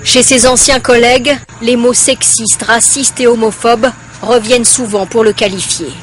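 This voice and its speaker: Femme, voix assez aiguë, reportage. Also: female voice, fairly high pitch, steady tone, normal speed. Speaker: news reporter. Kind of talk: scripted news narration.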